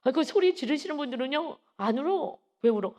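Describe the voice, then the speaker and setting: A woman pastor preaching an early-morning sermon, emphatic and quick to act out the voices she quotes. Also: sits high, expressive, darkish tone. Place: church sanctuary.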